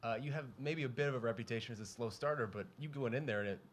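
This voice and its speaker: A man's voice: mid-range voice, rapid-fire. A man working as a reporter, asking long, informally worded interview questions. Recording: some room noise behind.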